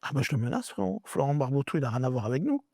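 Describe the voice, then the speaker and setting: Animated man telling a heated story. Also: medium pitch, very fast, gravelly, husky, no echo, studio quality. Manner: animated, acts out dialogue, slangy street French. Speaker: podcast guest. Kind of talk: casual storytelling interview.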